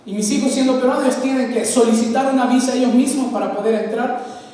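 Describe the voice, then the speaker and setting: A man from Peru, preaching a sermon, swinging between loud emphasis and soft asides. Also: very high voice, steady tone, a little fast. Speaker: pastor. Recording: echoey hall, from far off.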